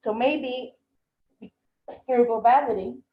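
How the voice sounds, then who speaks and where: Her voice a little high and her pace slow, a woman works as a live interpreter on a video call, faltering with fillers and restarts. The bad internet connection makes the audio muffled and echoey.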